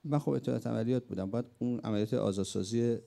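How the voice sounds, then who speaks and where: Man, middle-aged, from Iran, gravelly voice, sermon with war stories, emphatic questions. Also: mid-range voice. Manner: animated, rising to emphatic outbursts and questions to the audience. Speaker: preacher and war veteran. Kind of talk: religious sermon with war memories.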